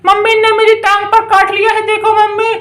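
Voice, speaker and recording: A woman's voice: very high voice, little pitch movement, a little fast, fairly bright tone, reverberant. A woman doing whining scared little kids. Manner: whining, pleading. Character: frightened small children crying for mother.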